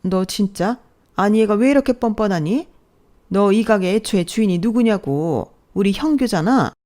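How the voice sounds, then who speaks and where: A woman's voice: mid-range voice, lively intonation, moderate pace, mellow, voice pushed up, close to an everyday voice. A woman voicing a brazen, scolding older mother-in-law who demands money, in a bossy, contemptuous radio-drama manner. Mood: furious. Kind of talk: Korean radio drama story reading.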